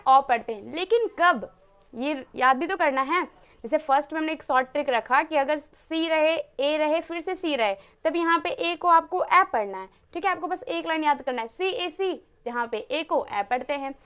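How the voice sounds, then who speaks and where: A woman teaching English pronunciation in a classroom style, asking herself questions and answering them, and spelling words out letter by letter. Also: high-pitched. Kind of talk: classroom-style lesson explaining pronunciation rules.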